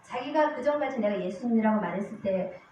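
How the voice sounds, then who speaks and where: A woman's voice: fairly high pitch, expressive, fairly quick, dark tone, a little hiss or hum. A woman deaconess giving an earnest church testimony, reading scripture and then telling stories of street evangelism. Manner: earnest, storytelling, acts out quoted voices. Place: church sanctuary. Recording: echoey distant church mic, dull lo-fi.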